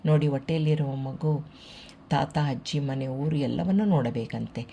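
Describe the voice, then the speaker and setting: A storyteller voicing a young pregnant wife who speaks softly and coaxingly to her husband. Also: a bass voice, moderate pace, gravelly, slight background noise. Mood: gentle.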